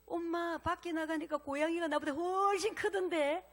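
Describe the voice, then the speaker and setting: A woman's voice: extremely high pitch, fairly even intonation, moderate pace, voice pushed up. Woman doing a whiny little tiger cub. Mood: plaintive. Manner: whiny, plaintive, tearful pleading. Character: small whining tiger cub, timid and confused.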